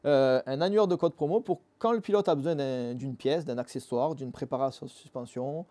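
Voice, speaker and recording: A man's voice: mid-range voice, brisk, dark tone. A man in his thirties, an app founder being interviewed, explaining step by step in casual, earnest talk with many fillers, recorded in a workshop studio on a lapel mic. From Marseille, France. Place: dim motorcycle workshop studio.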